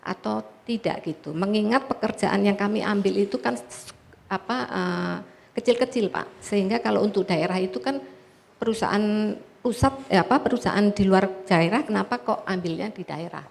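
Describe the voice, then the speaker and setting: A woman's voice: mid-range voice, normal speed, creaky, darkish tone. A woman who runs a business, asking a question from the audience at a forum, hesitant and searching for words.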